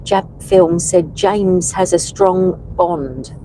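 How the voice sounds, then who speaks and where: A woman's voice: on the low side, extremely slow, mellow, low-quality recording. A woman, casually reading out viewer comments and chatting as a passenger, with some hesitation. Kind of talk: casual live stream chat. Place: inside a moving car. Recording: faint car road noise. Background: vehicle noise.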